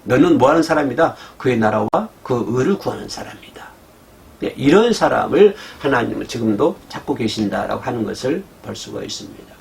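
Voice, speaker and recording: Male pastor, animated sermon delivery, gravelly, lively pitch. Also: a little fast. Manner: animated preaching, asks the congregation "그죠?" often; acts out God's scolding voice in quotes.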